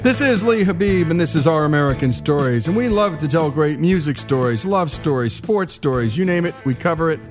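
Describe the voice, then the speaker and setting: A male radio host opens the segment and introduces his guests in a brisk, emphatic, conversational style. His voice runs slightly high, and faint music plays beneath it. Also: expressive. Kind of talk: radio talk show hosting.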